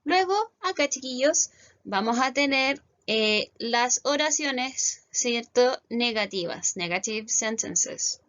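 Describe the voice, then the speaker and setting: Woman, Chilean accent, teacher, unhurried delivery, patient step-by-step explaining, frequent checks for understanding, muffled lo-fi sound. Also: fairly high pitch, animated, a bit bright. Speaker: English teacher. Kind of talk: recorded online class.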